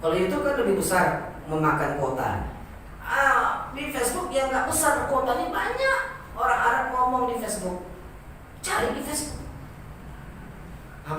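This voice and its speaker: A male teacher giving an informal class, his voice bouncing around a very echoey room and heard from far from the mic. His pitch swings up and down a lot as he jokes, laughs and imitates his students' mangled phrases. A faint hum of noise sits underneath. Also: pushed and bright. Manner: jokey, often laughs, mimics students' broken Arabic. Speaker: Arabic language teacher.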